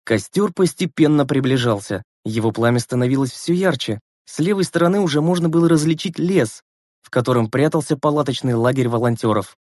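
A man's voice: medium pitch, no echo. Man narrating, dry close sound. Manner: measured, expressive storytelling. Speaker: audiobook narrator. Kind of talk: scripted narration.

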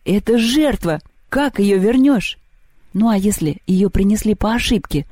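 A man's voice: high voice, fairly quick, dark tone, no room sound, clean studio sound. A man doing a dim, eager young guard. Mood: blustering. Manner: blustering, dutiful.

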